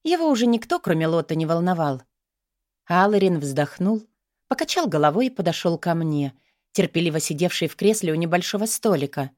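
A woman's voice: on the low side, animated, fairly quick, a little mellow, no echo, clean studio sound. Woman narrating a romance audiobook. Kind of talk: first-person romance narration.

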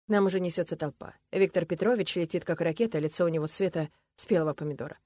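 A woman narrating a story in the first person, lively and voicing the other characters. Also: on the low side, fast talker, dry recording. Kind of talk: audiobook narration.

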